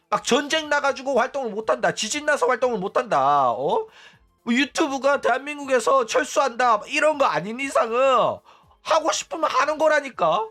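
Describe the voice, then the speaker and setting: Male host, mocking blunt commentary, lively high delivery, quiet music bed. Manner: blunt and mocking, keeps tagging "right?". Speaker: VTuber news channel host. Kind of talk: ranting commentary.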